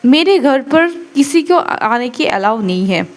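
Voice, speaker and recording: A woman's voice: high voice, big pitch swings, measured pace. A woman doing a stern sarcastic professor. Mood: scolding. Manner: scolding, sarcastic questioning. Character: stern sarcastic female professor, feverish and irritable.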